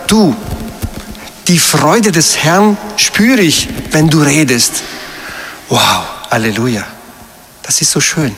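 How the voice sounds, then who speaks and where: A man's voice: a little high, fairly bright tone, big-room sound. A man giving a sermon as a priest, emphatic and asking his listeners questions. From Meran, South Tyrol.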